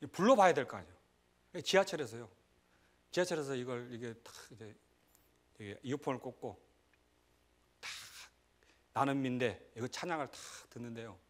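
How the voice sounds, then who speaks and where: A middle-aged man preaching a sermon as pastor, conversational and animated, breaking into shouts and laughter. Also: medium pitch.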